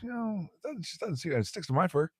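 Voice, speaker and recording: A man's voice: high-pitched, sing-song, fast, darkish tone, husky, dry recording, studio quality, voice pushed up, full character voice. A man voicing an incredulous male bear in a told joke, asking in disbelief. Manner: disbelieving, questioning.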